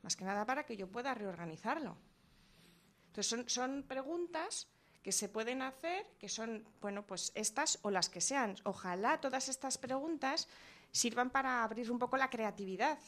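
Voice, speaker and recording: A woman talks through family communication in a relaxed radio chat. She often slips into short acted-out questions to children. Her voice sits a little higher than most women's. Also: moderate pace. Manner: explanatory, acts out example questions to children. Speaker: guest expert on family communication. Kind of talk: conversational radio interview.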